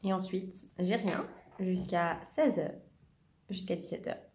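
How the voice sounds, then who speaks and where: A woman's voice: fairly low pitch, measured pace, darkish tone. A woman in her thirties, a part-time teacher, chatting casually with many fillers and self-corrections while she colors for her vlog. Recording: echoey room.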